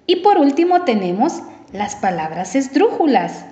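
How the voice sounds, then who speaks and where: A woman teacher giving a recorded lesson, speaking slowly and deliberately and stretching out her example words. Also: high voice, big pitch swings, mellow. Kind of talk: recorded distance-learning lesson. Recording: roomy, slightly dull sound.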